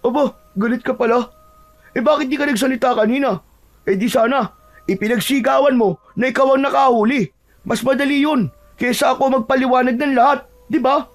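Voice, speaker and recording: A man doing a cocky young tribesman, high-voiced. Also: brisk. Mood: arrogant. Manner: bossy and scornful.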